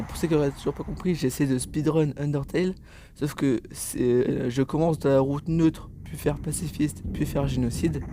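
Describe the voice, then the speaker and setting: A man's voice: medium pitch, noisy background. A tired young man commentating his gameplay casually, rambling, stammering and swearing as he plays. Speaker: gaming YouTuber.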